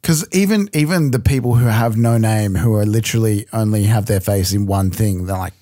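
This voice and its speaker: A man rambles through his take on a film in loose podcast chat, full of fillers and casual swearing. His voice is dark and warm. The recording is dry, with no room sound. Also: on the low side, fairly quick, no echo. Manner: rambling, swears, many likes and uhs. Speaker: podcast co-host. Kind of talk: casual movie-review chat.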